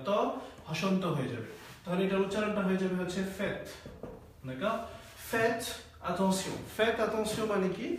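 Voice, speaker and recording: Man teaching French, high voice, echoey. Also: recorded from a distance, a little hiss or hum. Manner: explains step by step, often says "voilà" and "d'accord". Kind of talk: live online language class.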